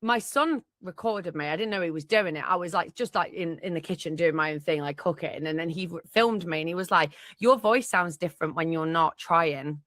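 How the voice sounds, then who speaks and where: A middle-aged woman hosting a podcast, chatting in a lively, storytelling way. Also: fairly low pitch, brisk, few pauses, dry recording, studio quality. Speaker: podcast host. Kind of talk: casual chat.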